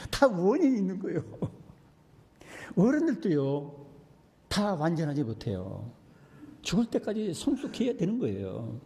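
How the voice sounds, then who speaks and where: An older man, preaching a sermon as a pastor, swinging between hushed and emphatic storytelling. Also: high voice, sing-song, measured pace, long pauses, big-room sound, a little hiss or hum. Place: church.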